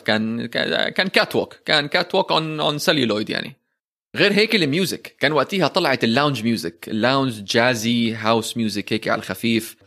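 A man's voice: mid-range voice, pushed and bright. A man with a Levantine Arabic accent chatting casually about films as a co-host, mixing English phrases into his Arabic. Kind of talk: casual film discussion.

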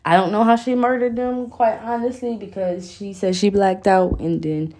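A young woman vlogger retelling a story in a casual, animated way, full of swearing and laughing asides. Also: mid-range voice, normal speed.

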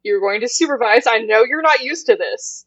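A woman's voice: on the high side, lively intonation, moderate pace, fairly bright tone, dry recording, dull audio. A woman playing a tabletop game, dry and no-nonsense. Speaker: player. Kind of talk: casual tabletop play.

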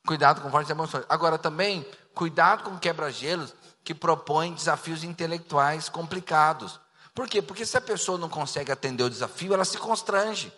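A man preaching as a pastor, humorous and animated, joking with his congregation during a sermon. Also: fairly high pitch. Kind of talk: sermon teaching to a church. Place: church hall. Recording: long reverb of a large hall.

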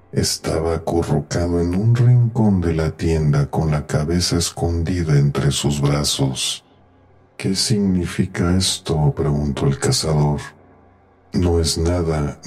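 A man reading a horror tale aloud in a slow, grave storytelling manner. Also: extremely low pitch, a little mellow. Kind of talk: scripted horror narration. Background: faint eerie background music.

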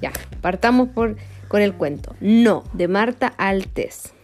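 A woman's voice: medium pitch, lively intonation, takes it slowly, a little mellow, soft background music. A woman reading a children's book aloud, stopping to explain and ask questions. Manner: explaining and asking questions between the pages.

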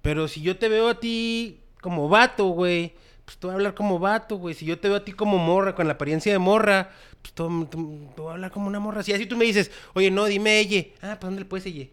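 A man with a Mexican accent in casual chat, relaxed and slangy, explaining his view at length. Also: high-pitched, quick pace, clean tone.

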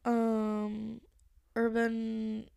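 A young American woman with a slightly high voice, crackling with vocal fry. She chats playfully as a podcast co-host and swears freely. The sound is close and dry. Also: completely flat delivery, drawn-out words, warm tone, no room sound. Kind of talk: casual chat.

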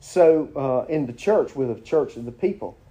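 Male preacher, folksy and halting, dark mellow tone. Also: mid-range voice, animated. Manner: folksy storytelling, halting restarts. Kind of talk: informal sermon with prayer and anecdote.

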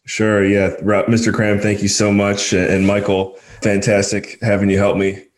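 A man's voice: on the low side, completely flat delivery, normal speed. A man hosting a podcast, signing off in a polished, upbeat presenter style. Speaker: podcast host.

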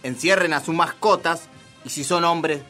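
Smug Argentine radio announcer, bright voice, mock-solemn delivery over faint music. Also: male voice, fairly high pitch, a little slow. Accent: Argentine Spanish. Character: smug chauvinist male radio host. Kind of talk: satirical radio sketch.

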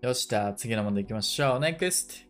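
A man hosting a casual dictation lesson. He thinks aloud and repeats English phrases slowly to check how they sound. His first language is Japanese. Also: mid-range voice, expressive, soft background music. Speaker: podcast host leading a dictation session.

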